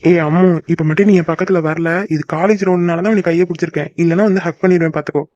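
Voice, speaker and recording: Guy doing a teasing cartoon boyfriend, fast coaxing talk, dull lo-fi sound. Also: on the high side, steady tone, darkish tone, no echo, lightly acted. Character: young man, teasing devoted boyfriend. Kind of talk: cartoon voice acting.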